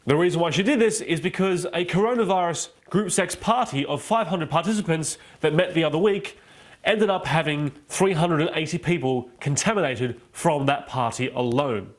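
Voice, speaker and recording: A man delivers a satirical comedy monologue with a teasing, mocking edge. His voice sits a little higher than most men's. He drops playful asides between the jokes. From Australia. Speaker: comedy show host.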